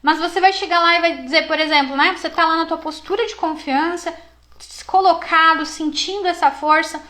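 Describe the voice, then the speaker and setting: A woman with a high, light voice leads a live online class as a psychologist. She talks in an encouraging, lively way and drops in plenty of casual fillers as she coaches the students. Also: a little fast.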